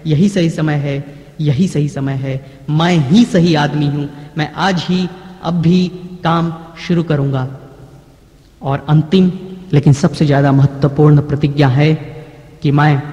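Emphatic high-voiced man in an echoey hall. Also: a little mellow. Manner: emphatic, declaiming with repeated slow phrases. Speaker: trainer. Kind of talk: motivational lecture, reading pledges aloud.

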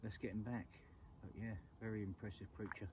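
Beside a lake at night and at dawn, a middle-aged man who vlogs about angling chats casually to camera in a fairly low, flat voice, speaking briskly and repeating small phrases. He wears a clip-on lapel mic, and the recording is lo-fi and outdoors, with background noise clearly present.

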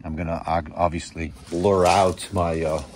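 A man's voice: deep voice, flat delivery, moderate pace, darkish tone. A middle-aged man vlogging casually about his motorcycle, rambling and thinking aloud as he goes, recorded outdoors on a helmet-mounted action camera. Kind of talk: casual vlog narration. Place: outdoors, driveway and on a moving motorcycle. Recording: road and engine noise.

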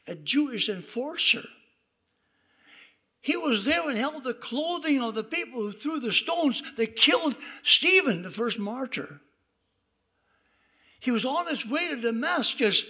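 A male preacher telling stories in a sermon, dramatic and breaking into shouts at the high points. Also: creaky, husky. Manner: dramatic, bursts into shouts at climaxes. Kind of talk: sermon storytelling.

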